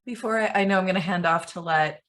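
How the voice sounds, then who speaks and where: A woman's voice: fairly low pitch, fast, a bit bright. A woman co-hosting a podcast interview, speaking emotionally and close to tears. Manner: emotional, tearful, heartfelt. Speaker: podcast co-host. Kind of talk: conversational interview.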